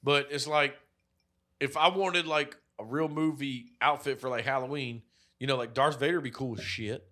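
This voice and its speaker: A man's voice: medium pitch, fairly even intonation, moderate pace, sharp tone. A man co-hosting a podcast, telling stories in a rambling, profane way, with lots of "like" fillers. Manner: rambling storyteller, heavy swearing, many "like" fillers. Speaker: podcast co-host. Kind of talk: casual profane chat.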